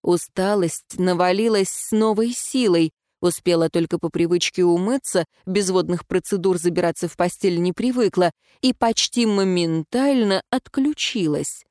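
A woman reading a first-person story aloud in an even, reflective narration. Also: on the low side, normal speed, hardly any pauses, no room sound, studio quality. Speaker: audiobook narrator.

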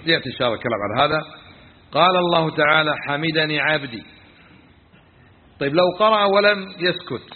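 A man's voice: fairly high pitch, a little hiss or hum. A man teaching a religious lesson, questioning his listeners and repeating key phrases. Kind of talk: classroom lesson explaining scripture. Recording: tinny phone-like sound with long hall reverb.

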